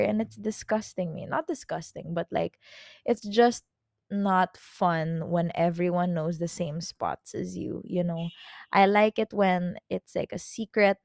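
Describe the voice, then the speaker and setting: A woman in her twenties with a Filipino accent, hosting her own podcast in a casual, rambling chat full of fillers and quick self-corrections. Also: lowish voice, gravelly, a little mellow, no echo, clean studio sound. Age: 20s. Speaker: podcast host.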